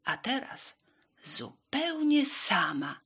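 A hardworking little red hen, as a woman puts her on in a storybook read aloud, asking for help earnestly with lively rises and falls. The voice is bright and slightly breathy. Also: mid-range voice, measured pace, pitched above the performer's own voice, exaggerated voice. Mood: firm.

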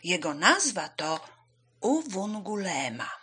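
A woman voicing a wise, patient old village woman who speaks slowly and deliberately. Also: lowish voice, big pitch swings, pushed and bright, slightly rough, exaggerated voice. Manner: slow and deliberate.

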